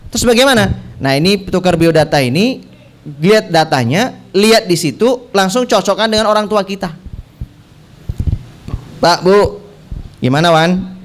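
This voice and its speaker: A man's voice: high voice, expressive, brisk. A male Islamic preacher giving a humorous, conversational religious lecture, explaining step by step with playful asides. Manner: acts out dialogues with playful asides.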